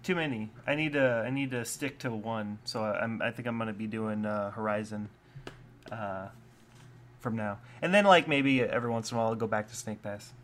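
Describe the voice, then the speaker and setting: A man's voice: lowish voice, a little fast. A young man co-hosting a casual gaming podcast, laid-back and joking with lots of fillers, sounding a bit sick. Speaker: podcast co-host. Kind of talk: casual chat.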